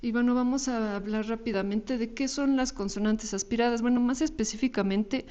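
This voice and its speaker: Mellow-voiced woman lecturing on phonetics. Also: on the high side, fairly even intonation, normal speed. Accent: Mexican Spanish. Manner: explanatory, frequent tag questions and small restarts. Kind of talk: recorded university lecture over slides.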